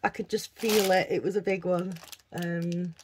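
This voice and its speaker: Low, unhurried woman chatting. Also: fairly even intonation, noisy background. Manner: chatty, thinking aloud while handling items. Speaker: craft vlogger. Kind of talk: casual unboxing chat.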